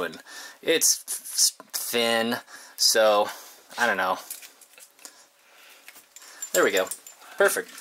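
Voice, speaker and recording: A vlogger and host with a lowish, bright, forceful voice rambles informally to camera as he works, with slight background noise present. It's casual DIY narration, filmed on a handheld camera at arm's length in and around a converted school bus.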